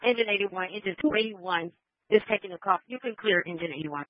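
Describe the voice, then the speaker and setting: An emergency dispatcher speaking over a walkie-talkie radio, steady and routine, acknowledging units. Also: mid-range voice, a little fast, dry recording. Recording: tinny dry two-way radio.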